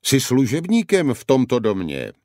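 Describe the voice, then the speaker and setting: A man's voice: mid-range voice, huge pitch swings, a little mellow, no room sound, clean studio sound, voice pushed up. A man voicing a proud young knight in an audiobook, firm and commanding. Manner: firm, demanding. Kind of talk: audiobook character voice.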